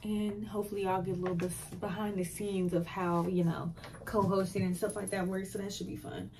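A young woman who works as both a vlogger and a TV anchor chats casually to her camera, playful and self-mocking. Her mid-range voice is brisk and flatly delivered, and the recording carries noticeable background noise.

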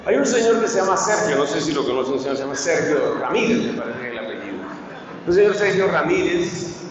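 A man's voice: a little high, big pitch swings, fast, over a noisy crowd. Impassioned preacher man in an echoey hall. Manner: impassioned, swings from soft to shouting. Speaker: priest preaching. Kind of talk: sermon. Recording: echoey hall, distant mic, dull sound.

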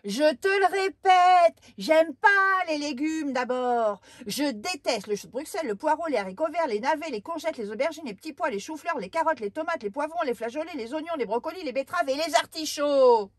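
A woman's voice: expressive, moderate pace, few pauses, no echo, studio quality. A woman voicing a bossy little girl who hates vegetables, in a read-aloud storybook. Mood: stubborn. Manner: shrill, stubborn and indignant.

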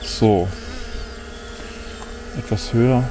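Speaking very slowly in a mid-range voice, a middle-aged drone vlogger mutters mildly disappointed remarks to himself as he tests a drone. He's outdoors in a forest, and the audio picks up insects buzzing against a faint outdoor background.

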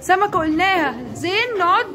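A woman's voice: extremely high pitch, animated, fairly quick. A woman with an Egyptian Arabic accent teaching a class of young children, praising and prompting them by name. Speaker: kindergarten teacher. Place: busy classroom. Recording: classroom with background noise.

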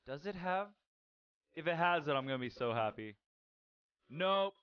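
A man's voice: a little high, lively intonation, normal speed, smooth, no room sound, muffled recording. A man casually commenting on a game he is playing, rambling, joking and swearing freely. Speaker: gaming channel host. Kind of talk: casual let's-play commentary.

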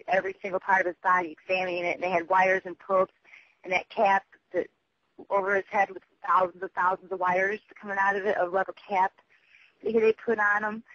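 Over the telephone, someone records an urgent, rambling voicemail, repeating themselves emphatically and swearing readily. The voice is mid-range with no room sound, and the phone audio comes through muffled and dull.

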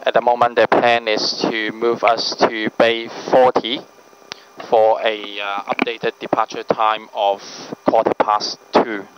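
Low, flat male pilot on muffled PA. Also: takes it slowly. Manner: hesitant, formal. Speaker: airline first officer. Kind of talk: flight deck announcement to passengers. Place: aircraft PA from the flight deck. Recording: muffled cockpit PA with cabin hum.

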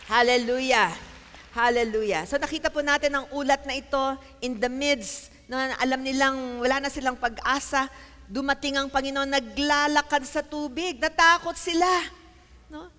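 A woman's voice: high-pitched, sharp tone. A woman pastor with a Filipino accent preaching a sermon, switching between English and Tagalog with emphatic delivery. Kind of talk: sermon with scripture reading. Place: church service. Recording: long reverb in a large hall.

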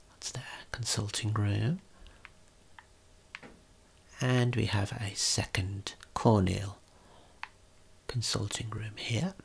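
Whispering in a very breathy voice with some creak, a man narrates a guided tour ASMR-style, pitched on the low side. He takes his time and explains each phrase gently.

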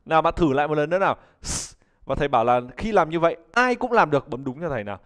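A man's voice: fairly high pitch, very animated, rapid-fire, a bit bright. Chatty man teaching an English class. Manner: chatty, joking, calls on students to respond. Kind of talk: live online pronunciation class.

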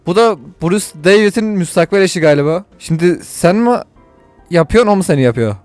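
A man giving joking, excitable and profane commentary while playing a video game. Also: sits high, a little fast, soft background music. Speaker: gaming YouTuber.

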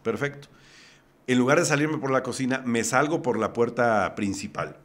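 Mexican man, mid pitch, podcast guest, vivid scene-by-scene storyteller. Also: moderate pace, a bit bright. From Mexico, Puebla. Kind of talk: personal storytelling in conversation.

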